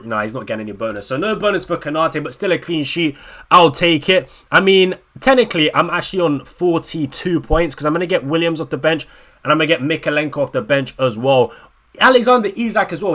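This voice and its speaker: A man's voice: on the high side, a bit bright. A young man ranting casually about his fantasy football week, exasperated and slangy, often stumbling over restarts. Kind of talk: casual ranting reaction video.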